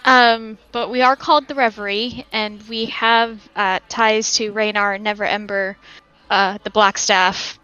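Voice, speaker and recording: A woman playing in a tabletop game, chatty and quick to laugh. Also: mid-range voice, little pitch movement, bright, forceful tone, smooth. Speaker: player. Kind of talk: casual table talk and in-character play. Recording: dull lo-fi audio with faint music.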